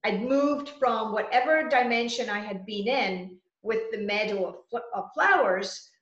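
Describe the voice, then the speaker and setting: A woman talking as an interview guest, telling spiritual experiences in an earnest, unhurried, conversational way. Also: a little high, a bit bright. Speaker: interview guest, trance channeler and healer. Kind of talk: conversational first-person spiritual storytelling. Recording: muffled, roomy, echoing audio.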